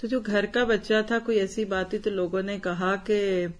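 A woman's voice: mid-range voice, steady tone. A woman giving a religious talk as a teacher, persuasive and full of rhetorical questions, slipping English words into her speech.

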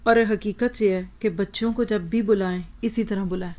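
A woman teaching a religious lesson, explaining word meanings in a measured way and slowing down on key terms. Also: medium pitch, fairly even intonation, mellow. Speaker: Quran teacher. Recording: slightly dull lo-fi recording.

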